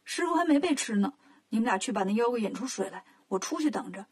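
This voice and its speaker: A woman voicing a clever, brisk male monkey king in a children's story. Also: on the high side, expressive, breathy edge.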